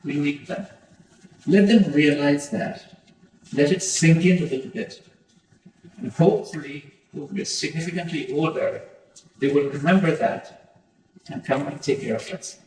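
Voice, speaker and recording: A man's voice: on the high side, measured pace, pauses often, a little mellow. Middle-aged male pandit addressing a congregation, earnest and direct, from a distant mic in a very reverberant hall. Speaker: pandit giving a lecture. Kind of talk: devotional talk to a congregation. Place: community temple hall. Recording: very echoey hall, voice from far off.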